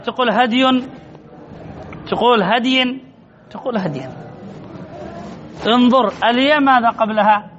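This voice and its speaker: A man with a strikingly high voice leads a grammar lesson. He quizzes his listeners and answers his own questions, repeating the key words. The recording sounds muffled and lo-fi, with a faint hiss behind him. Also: a bit bright. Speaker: grammar teacher. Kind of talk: classroom lesson on Arabic grammar. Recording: dull lo-fi recording with faint noise.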